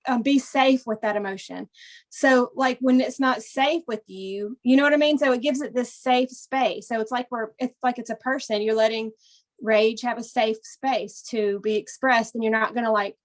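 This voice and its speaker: Higher-pitched woman host; reflective, loose conversational delivery. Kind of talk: casual conversation.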